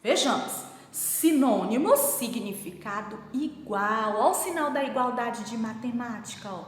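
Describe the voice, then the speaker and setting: A woman teaching a children's grammar lesson, speaking slowly and deliberately, repeating points and asking the class to repeat after her. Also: a little high, animated, a little hiss or hum. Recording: echoey room with long reverb.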